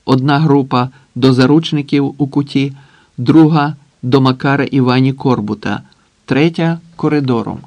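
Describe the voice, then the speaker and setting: A man narrating an audiobook in a measured, dramatic way with long pauses. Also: medium pitch, a little mellow, no echo.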